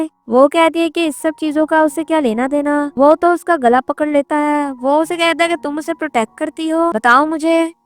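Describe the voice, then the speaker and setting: A woman narrating a drama recap, retelling the characters' dialogue in reported speech and mixing in English words. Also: sits high.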